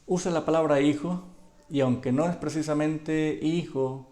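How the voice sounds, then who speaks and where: A man preaching a sermon, asking his listeners rhetorical questions and dropping to a hush when he quotes scripture. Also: on the high side, steady tone, moderate pace.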